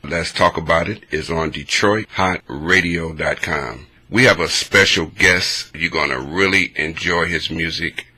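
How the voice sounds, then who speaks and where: A man's voice: sits low, unhurried, few pauses, pushed and bright, husky. A man hosting an internet radio talk show, speaking in an upbeat announcer-style way. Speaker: radio host.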